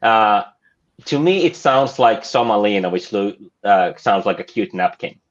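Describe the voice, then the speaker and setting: A man's voice: fairly low pitch, expressive, a little slow, lo-fi sound. A man with a Finnish accent, a guest chatting casually over a video call from a sauna, often repeating words as he restarts.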